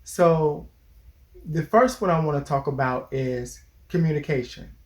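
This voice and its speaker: Man in his twenties or thirties, therapist co-host, lecturing tone, a bit high-voiced. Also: unhurried. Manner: earnest, lecturing, restarts mid-sentence. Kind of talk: casual advice chat.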